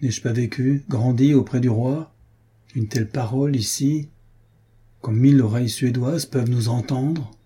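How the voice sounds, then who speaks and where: Man voicing a scared proud young duke, murmured, low and quiet, dark husky tone, audiobook. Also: normal speed. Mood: hushed. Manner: murmuring, hushed. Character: proud young male duke, frightened and secretive.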